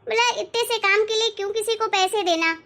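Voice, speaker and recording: A woman's voice: very high-pitched, fairly quick, fairly bright tone. A woman voicing a sweet, dutiful young daughter-in-law in a family cartoon story, polite and reassuring.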